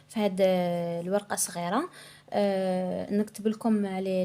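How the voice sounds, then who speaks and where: Woman, French teacher, warm mellow tone, patient deliberate explaining. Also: medium pitch. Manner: slow, careful reading with switches between Arabic and French. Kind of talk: explaining a pronunciation lesson.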